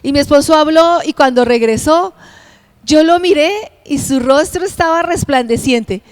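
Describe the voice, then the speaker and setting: Middle-aged woman pastor, heartfelt testimony, slightly high voice, dry close sound. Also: normal speed, no room sound. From Bogotá, Colombia. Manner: heartfelt, earnest and emotional. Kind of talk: personal testimony.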